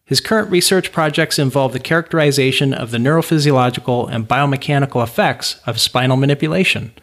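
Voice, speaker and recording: A man hosting a podcast, reading a formal introduction and then asking the guest questions with warm encouragement. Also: mid-range voice. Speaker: podcast host. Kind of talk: scripted introduction and interview questions.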